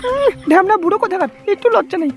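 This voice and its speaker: A woman voicing a scolding, sharp-tongued old mother-in-law in a cartoon. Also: extremely high pitch, expressive, rapid-fire. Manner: scolding, nagging.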